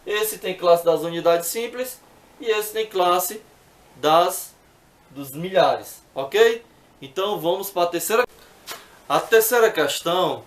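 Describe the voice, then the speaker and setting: A man's voice: high voice, roomy sound. A man teaching math, working through exercises patiently step by step and often checking in with the viewer.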